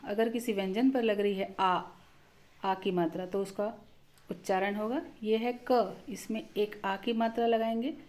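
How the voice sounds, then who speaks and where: A woman teaching the Hindi vowels and their signs, explaining patiently and saying each sound on its own. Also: medium pitch. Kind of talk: slow explanatory lesson.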